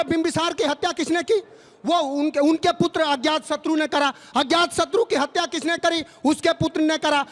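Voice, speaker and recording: A man's voice: extremely high pitch, a bit bright. A man on a televised political debate panel, lecturing emphatically with rhetorical questions. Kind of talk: heated TV debate argument.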